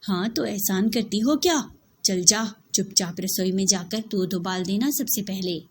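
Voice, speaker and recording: A woman voicing a harsh, bossy elder sister-in-law who scolds and insults in a loud voice. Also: mid-range voice, unhurried, a little hiss or hum, natural voice. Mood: scolding.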